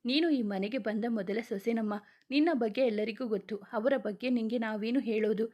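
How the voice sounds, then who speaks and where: Kindly mother-in-law, quick and reassuring, read by a woman. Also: on the high side, dark tone, natural voice.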